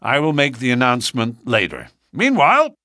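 Man doing a gruff lodge boss, commanding, formal, raised voice, dry close sound. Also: medium pitch, wildly swooping pitch, normal speed, sharp tone, no echo, pitched above the performer's own voice. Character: gruff male secret-society lodge chairman, commanding.

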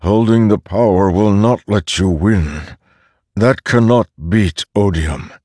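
A man performs an ancient, weary storm spirit from an audiobook fantasy, his voice a rumbling low growl. He speaks slowly and gravely, with great weight behind every phrase. The recording is dry and close. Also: darkish tone, no room sound. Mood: pleading. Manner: slow, solemn and heavy.

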